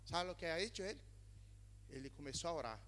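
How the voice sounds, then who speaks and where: A man's voice: a little high, animated, fast talker, a bit bright. A male pastor from Brazil preaching a sermon to his congregation in a church in Spain, mixing Spanish words into his Portuguese and calling out to the people. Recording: long reverb of a church hall.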